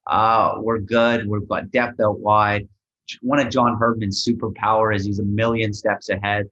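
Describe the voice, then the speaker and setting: A man co-hosting a soccer podcast, breaking down tactics in quick animated bursts. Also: lowish voice, dull audio. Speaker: podcast co-host and soccer analyst. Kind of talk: casual sports podcast chat.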